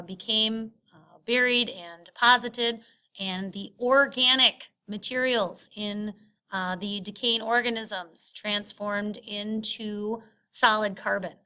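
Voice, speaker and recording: A woman teacher narrating a screen-recorded lecture, explaining step by step in a halting way with frequent filled pauses. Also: fairly high pitch, bright, forceful tone. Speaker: science teacher. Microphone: screen recording voice-over.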